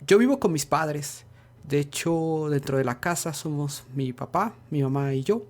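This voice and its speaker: A man hosting a podcast, reading a story aloud in a steady manner. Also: a little high, a little slow. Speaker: podcast host.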